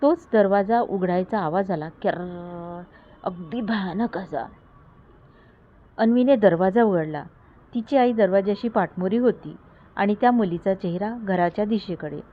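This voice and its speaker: A woman narrating her own horror story, acting out the characters' lines with a lifted voice. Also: moderate pace. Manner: acts out characters' lines with raised pitch. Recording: phone-like audio with faint noise.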